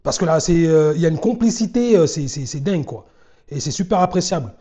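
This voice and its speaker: A man's voice: a little high, lively intonation, fairly quick, warm tone. A man casually commenting on comedy clips, talking conversationally with frequent hesitations. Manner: conversational, many fillers and restarts.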